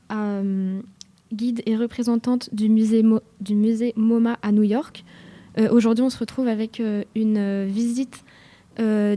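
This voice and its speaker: Female museum guide played by a woman, mellow dark voice, slightly high, polite and halting. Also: close to an everyday voice. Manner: polite, hesitant with fillers. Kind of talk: improvised radio role-play.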